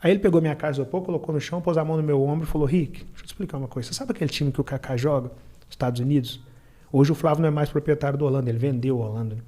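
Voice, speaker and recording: Racing along in a mellow, fairly high voice, this Brazilian podcast guest recounts a personal story and acts out the dialogue. He's an entrepreneur who once sold water on the beach, and his talk is colloquial and emphatic.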